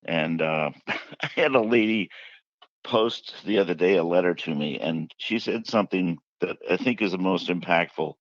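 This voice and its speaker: A man with a very low voice tells his stories in a chatty, anecdotal way and acts out the quotes as he goes. The sound is dull and muffled, close and dry. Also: moderate pace, no room sound. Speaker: author interviewed about his book. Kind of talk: casual interview storytelling.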